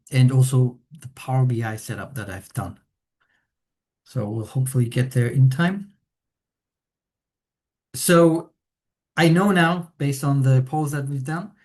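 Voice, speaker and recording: An implementation consultant born in Chile walks through a presentation during a software webinar. His mid-range voice is hesitant, full of fillers and tag questions.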